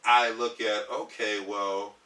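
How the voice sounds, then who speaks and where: As a podcast guest, a man in his thirties from Detroit in the US Midwest, a community organizer, talks casually but earnestly, rambling through ums and false starts. His voice is slightly low yet bright and forceful, with little pitch movement and a slow pace. He's far from the mic in an echoey space.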